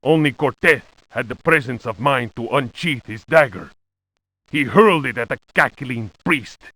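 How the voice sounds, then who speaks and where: A man's voice: medium pitch, expressive, moderate pace, bright, forceful tone, no echo, poor audio. A man playing a pompous, horrified Spanish lieutenant narrating a journal in a horror game, with hammy, overwrought bad acting. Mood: grave, melodramatic. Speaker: narrator reading old books in a video game.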